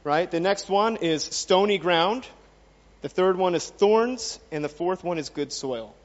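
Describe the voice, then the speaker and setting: A man's voice: high voice, animated, a little slow. A man preaching a sermon, earnest and full of questions for his listeners. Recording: dull sound with long reverb in a hall.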